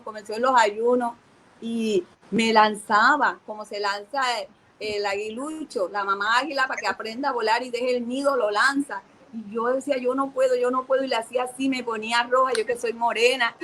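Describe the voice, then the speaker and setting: A woman pastor in middle age shares a personal testimony. She talks earnestly and haltingly, often restarting and repeating words. Her voice sits somewhat high. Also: low-quality recording. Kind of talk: personal testimony to an online audience.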